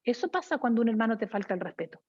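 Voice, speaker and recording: Lively Chilean woman lecturing teachers. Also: a little high, rapid-fire, husky, lo-fi sound. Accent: Chilean Spanish. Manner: lively, acts out parent-child dialogues, checks in with the audience. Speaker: workshop speaker for teachers.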